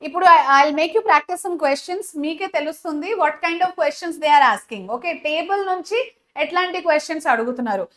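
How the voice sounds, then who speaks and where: Her voice is high and a bit bright, moving at a moderate pace, as a woman with a Telugu accent runs a live online biology lesson. She switches between English and Telugu, keeps repeating "okay," and often says "uh."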